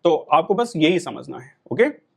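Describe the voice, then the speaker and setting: A man's voice: a little high, big pitch swings, measured pace, creaky, a bit bright. A middle-aged man with an Indian accent, giving a classroom lecture as a teacher, explaining patiently and checking in with the students often.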